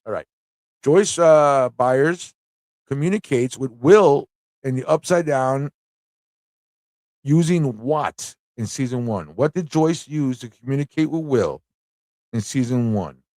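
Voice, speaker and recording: Hosting a live trivia quiz, this American man talks slowly with frequent pauses, his medium-pitched, slightly mellow voice full of lively intonation. He's conversational, reading each question aloud and repeating it as he chats with viewers, all recorded close and dry with no room sound.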